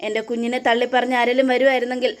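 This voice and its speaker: Tearful pleading young mother, voiced by a woman, high voice, serial recap. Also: level tone, very fast, lightly acted. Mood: desperate. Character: desperate young mother pleading for her child.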